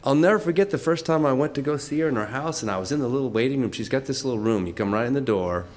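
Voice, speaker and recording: An older man giving heartfelt off-the-cuff remarks at a tribute, emotional and close to tears, speaking haltingly with many restarts and laughing through it. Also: medium pitch, animated. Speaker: speaker at a corporate tribute event.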